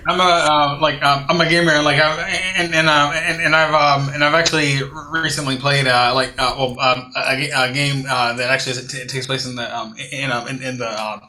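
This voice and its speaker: A man's voice: mid-range voice, flat delivery, brisk, hardly any pauses, sharp tone. A man in casual chat who halts and stumbles over his words.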